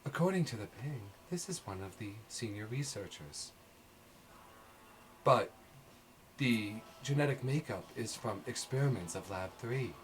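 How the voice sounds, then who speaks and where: A man's voice: on the low side, a little hiss or hum. A man voicing Amy, a clinical station AI. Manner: reports findings in a measured, clinical way. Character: female station AI hologram, flat and informative.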